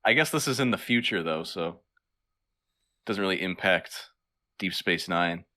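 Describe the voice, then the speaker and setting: Hesitant man with a bright tone. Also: low-pitched, expressive, a little slow. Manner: hesitant, laughs easily. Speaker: podcast co-host. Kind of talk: casual chat.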